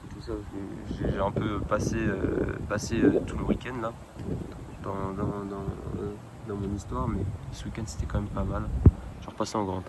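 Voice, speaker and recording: A man's voice: lowish voice, little pitch movement, moderate pace. A young man from France chatting casually in a travel vlog at night, rambling with many hesitations and slang, filmed on a handheld phone outdoors by the water. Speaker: vlogger. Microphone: handheld phone camera. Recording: wind noise on phone mic. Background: wind and outdoor ambience.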